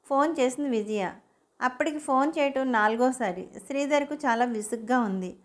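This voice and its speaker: A woman reads a novel aloud as a storyteller, with steady, expressive narration. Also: on the high side. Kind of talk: audiobook narration.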